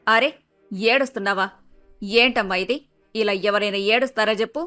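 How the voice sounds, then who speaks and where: A bossy, scolding mother-in-law from a cartoon moral story, voiced by a woman. Her voice is bright and cutting, a little high. Faint music plays behind her. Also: normal speed. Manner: scolding, domineering.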